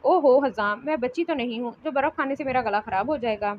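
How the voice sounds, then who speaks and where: Stubborn, playful young wife, read by a woman, high voice, faint hiss behind. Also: quick pace, dull audio, natural voice. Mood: pouty.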